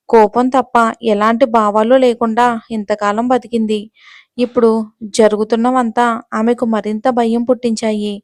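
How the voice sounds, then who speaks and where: A woman narrating a romance audio story as a steady, dramatic storyteller. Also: fairly high pitch, no room sound, studio quality. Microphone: close mic, dry sound.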